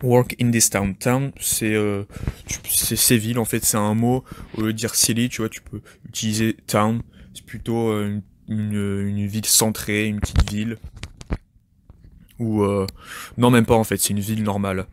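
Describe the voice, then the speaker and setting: A man's voice: on the low side, little pitch movement, moderate pace, slight background noise. A man giving an informal spoken lesson, talking directly to the listener with many hesitations and repeated words. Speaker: English teacher, podcast host. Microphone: podcast microphone.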